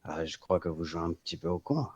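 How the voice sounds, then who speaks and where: Man, rival gang role-player, very deep voice, fast, blunt, clipped accusing replies. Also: animated, highs cut off, a crowd in the background. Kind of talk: in-character role-play dialogue.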